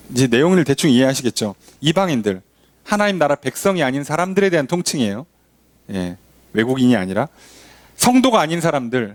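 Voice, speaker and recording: A man's voice: on the high side, no echo. A male pastor preaching a sermon, asking the congregation rhetorical questions. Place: church.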